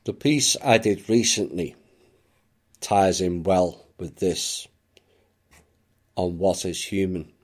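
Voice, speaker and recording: Slow, deep-voiced man musing aloud. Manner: measured, unhurried, with occasional asides. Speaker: esoteric channel narrator. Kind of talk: reflective spoken monologue.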